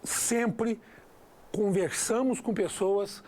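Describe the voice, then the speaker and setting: A man from Brazil hosts a local radio interview, and his voice sits notably high. He talks with eager warmth for his guests and trips over his own wording, then restarts. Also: drawn-out words. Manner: chatty, enthusiastic, restarts his phrases. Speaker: radio show host.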